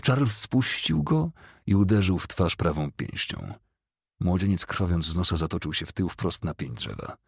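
A man narrating a novel as an audiobook, in a steady, measured storytelling manner. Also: sits low, husky, dry recording, clean studio sound.

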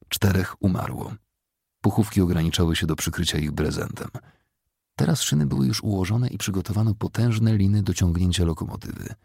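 Reading an audiobook in a steady, measured manner, this male narrator has a very deep voice that is both gravelly and husky. It's a dry recording made close to the microphone.

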